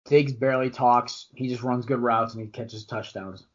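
A young man co-hosting a sports podcast, giving rambling, animated opinions with frequent restarts. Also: medium pitch, moderate pace. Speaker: podcast co-host. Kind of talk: casual sports chat. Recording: dull lo-fi podcast audio.

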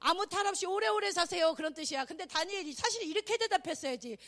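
A woman evangelist preaching at a youth camp, animated and exclamatory, calling out for responses and acting out quotes. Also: very high-pitched, fast talker. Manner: acts out quotes in voices.

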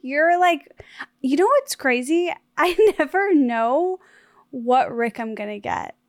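A woman's voice: high-pitched, animated, slow pace, no room sound. Laughing, teasing female podcast co-host. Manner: laughs often, teasing and dry. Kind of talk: casual comedic chat.

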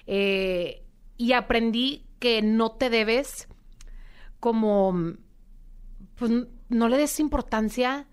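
A woman's voice: on the high side, smooth. A young woman, a podcast guest telling her story and acting out quoted dialogue. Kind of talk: interview storytelling.

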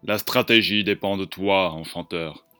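A man voicing a hurried, commanding male king in a storytelling podcast. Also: low-pitched, bright, forceful tone, clean tone, no echo, faint music behind.

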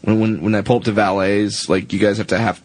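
A man, a stand-up comedian, chatting as a guest on a podcast, self-mocking and quick to slip into voices. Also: fairly low pitch, little pitch movement, a little mellow, no room sound. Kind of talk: casual podcast chat.

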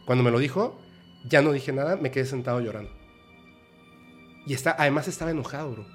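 Halting man telling a story. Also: mid-range voice, faint music behind. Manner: halting, emotional, with many restarts. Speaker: podcast host. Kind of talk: personal storytelling in a casual chat.

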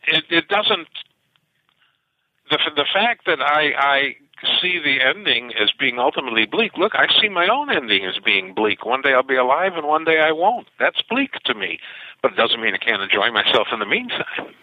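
Interviewed by phone, an older science fiction author spins animated stories full of restarts. His voice sits on the high side with big pitch swings at a normal speed, and the tinny phone audio is dry with no echo.

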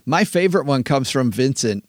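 A man co-hosting a podcast, telling stories in a chatty, quick way with restarts. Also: mid-range voice, expressive, no room sound, studio quality. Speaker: podcast co-host. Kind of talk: casual chat.

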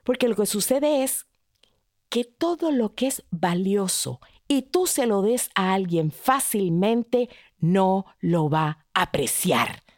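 A woman's voice: mid-range voice, dry recording, clean studio sound. Dramatic storytelling woman host. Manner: expressive, dramatic, addresses listener directly. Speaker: love advice podcast host. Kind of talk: storytelling advice talk.

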